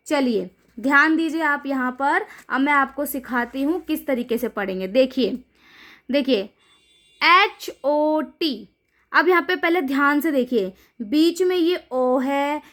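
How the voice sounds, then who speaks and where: A woman with a high voice teaches young children to read, asking each question and then giving the answer herself. She spells words out letter by letter, slow and drawn out, in a patient classroom manner. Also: a bit bright. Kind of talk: children's phonics lesson.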